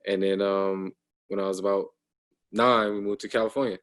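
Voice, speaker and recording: A man in his thirties speaks over a video call in a low, even voice that barely rises or falls. He talks casually as a guest. He pauses often, with frequent ums and restarts. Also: poor audio. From United States. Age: 30s. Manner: hesitant, many ums and restarts.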